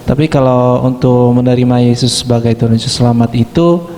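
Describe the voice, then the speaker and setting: A man's voice: medium pitch, steady tone, a little fast, warm tone, slight background noise. A man in a class answering his teacher's question plainly. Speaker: student in a class. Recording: reverberant hall with a murmuring crowd.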